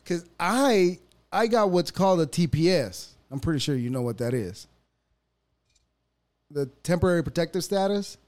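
A man in his thirties from El Salvador, hosting a casual conversation, halting and restarting often and laughing easily. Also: fairly high pitch, lively intonation, a little mellow. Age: 30s.

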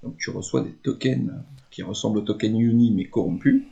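A man co-hosting a news show, chatting casually with a deadpan, crude sense of humour. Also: lowish voice, fairly quick, gravelly, lo-fi sound. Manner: laid-back, deadpan, crude jokes. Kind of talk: casual joking chat.

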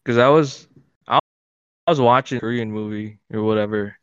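A man's voice: on the low side, fairly quick, a bit bright, smooth, no room sound, muffled recording. Joking man in casual podcast banter. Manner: joking, puts on silly accent voices. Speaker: podcast co-host. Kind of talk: casual chat.

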